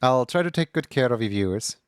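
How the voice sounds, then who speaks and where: Playful streamer chatting while drawing, cutesy little exclamations, mid pitch voice, dry close sound. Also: animated, fairly quick, clean tone, no echo. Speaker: streamer, animator. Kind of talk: casual livestream chat while drawing.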